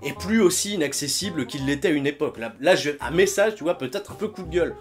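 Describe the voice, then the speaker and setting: A man's voice: fairly high pitch, animated, fast talker, faint music behind. A man hosting a wrestling show, chatting in a rambling, slangy and sarcastic way. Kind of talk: casual wrestling chat.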